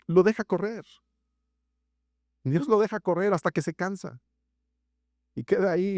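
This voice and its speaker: A man preaches a sermon, acting out the voices in the text with large dramatic leaps in pitch. His voice sits somewhat high, and the sound is close and dry with little room reverb. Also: vocal fry, dark tone. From Mexico. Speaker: pastor. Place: church sanctuary.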